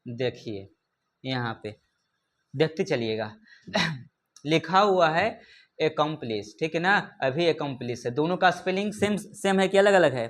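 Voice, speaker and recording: A man's voice: a little high, animated, slow pace. A man teaching an English vocabulary lesson, who keeps asking his learners questions and checking that they follow. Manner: repeats "ठीक है ना" and asks rhetorical questions; addresses learners familiarly. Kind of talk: classroom lesson explaining vocabulary.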